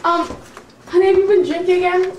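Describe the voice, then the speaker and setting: Frantic young wife played by a teen girl, very high and loud, shrill, echoey room. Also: flat delivery, a little fast, far from the mic, noisy background. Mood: pleading. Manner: shrill, pleading, laughing through lines.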